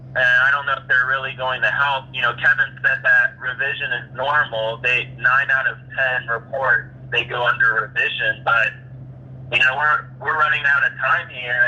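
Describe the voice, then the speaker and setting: A man's voice: mid-range voice, bright, forceful tone, lo-fi sound. A man talking business in a phone conversation as a real estate agent, often restarting his phrases as he explains things.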